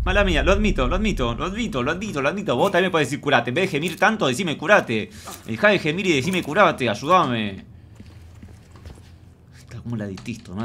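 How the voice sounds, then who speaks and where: This male streamer speaks Rioplatense Argentine Spanish in a bright, fairly high voice, with slight background noise behind him. Doing let's play commentary, he talks to himself and the audience, loops back over phrases, and uses feminine forms for himself.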